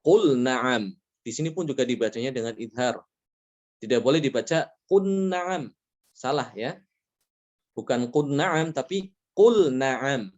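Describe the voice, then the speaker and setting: A man teaching a Quran recitation lesson, explaining rules patiently, checking in with frequent "ya" and chanting Arabic examples slowly. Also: medium pitch, dull audio. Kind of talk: religious lesson on tajweed rules.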